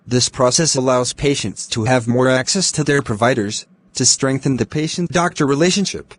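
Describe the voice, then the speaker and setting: Formal man giving measured interview answers. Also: mid-range voice. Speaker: doctor candidate in a speaking exam.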